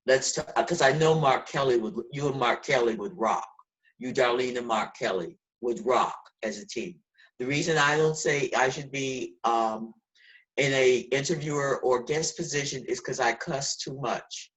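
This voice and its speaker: A woman's voice: rumbling low, normal speed, rough recording. A woman in her sixties talking earnestly and preachily in a casual video call discussion, as host. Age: 60s.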